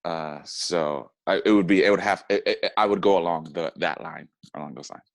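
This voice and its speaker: Man, actor as guest, very low voice, halting, repeats his words, dry close recording. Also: gravelly, dry recording. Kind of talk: casual interview chat.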